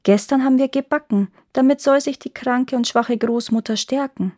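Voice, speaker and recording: A woman voicing a trusting little girl in a fairy tale reading, talking high and eager. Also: moderate pace, dry recording, studio quality. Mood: chatty. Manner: bright, eager, chattering.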